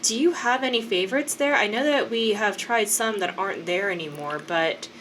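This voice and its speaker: A woman's voice: medium pitch, normal speed, a bit bright, a little hiss or hum. A woman in her thirties co-hosting a podcast in casual chat, chatty with frequent laughs and fillers. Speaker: podcast co-host.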